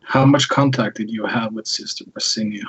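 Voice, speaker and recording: A man playing his character in a tabletop game, with a calm, dry, measured way of speaking and a husky voice. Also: lowish voice, low-quality recording. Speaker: player.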